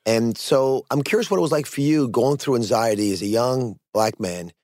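A man's voice: mid-range voice, normal speed, a little mellow, no echo, clean studio sound. A man hosting a talk show, earnestly putting questions to his guest.

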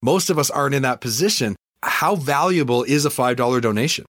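A man's voice: mid-range voice, fairly quick, fairly bright tone, no room sound, clean studio sound. A man hosting an interview show, speaking conversationally as he puts questions and addresses his audience. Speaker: show host.

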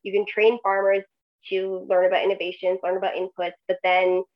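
A woman's voice: medium pitch, flat delivery, brisk, muffled recording. A woman, a guest expert, talking casually with many fillers and laughing through serious points. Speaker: guest researcher in agriculture. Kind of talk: casual podcast conversation.

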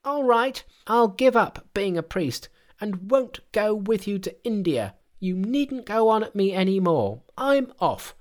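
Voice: medium pitch, big pitch swings, measured pace, darkish tone, pitched above the performer's own voice. A storyteller voicing a brash, boastful monkey king turned priest, cocky and taunting in a storybook tale. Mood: angry, defiant. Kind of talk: storybook character voice.

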